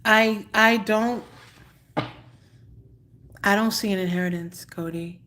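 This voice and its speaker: A woman's voice: mid-range voice, steady tone, slow, a bit bright. A woman tarot reader on a live stream, answering viewers bluntly but apologetically and repeating her advice.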